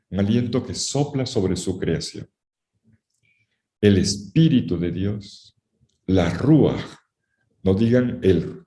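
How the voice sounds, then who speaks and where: A man's voice: fairly low pitch, mellow, echoey room. A man teaching a university Bible class, emphatic, repeating his key phrases and speaking straight to the students. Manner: addresses students directly. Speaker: Bible lecturer.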